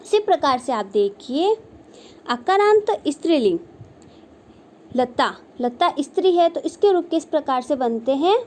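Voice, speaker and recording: A woman teacher giving a recorded lesson, slowly reciting word forms aloud. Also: high-pitched, expressive, a little mellow.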